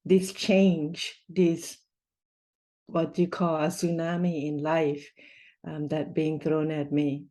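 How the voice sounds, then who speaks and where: A woman, a podcast interview guest who speaks in a measured way with many pauses. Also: low-pitched, warm tone. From Thailand. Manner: measured, with frequent pauses and fillers.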